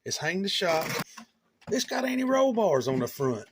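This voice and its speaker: A middle-aged man hosting a casual chat in his home hobby shop, excitable and swearing a lot as he exclaims over things. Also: sits high, normal speed, a little hiss or hum. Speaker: channel host.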